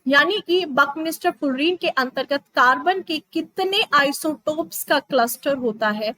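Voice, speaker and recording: A woman's voice: sits high, a bit bright, dry recording, rough recording. A young woman teaching an online exam-prep class in a chatty way, counting aloud and teasing her students.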